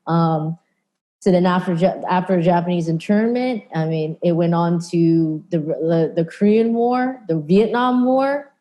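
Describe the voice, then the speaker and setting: A woman's voice: lowish voice, a little slow, mellow. A woman from California speaking earnestly in a panel talk, with many fillers and restarts. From California, USA. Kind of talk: conversational panel discussion.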